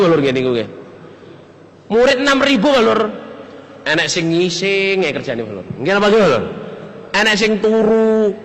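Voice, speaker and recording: An older man with a Javanese accent preaching a lively, joking sermon to a congregation. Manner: lively, jokes and leaps between high and low pitch. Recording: long hall reverb.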